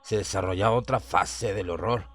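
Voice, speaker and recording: A man with a low-sitting voice narrates a scripted horror radio story at a moderate pace, sounding dramatic, solemn and suspenseful. Music plays underneath him as a background bed.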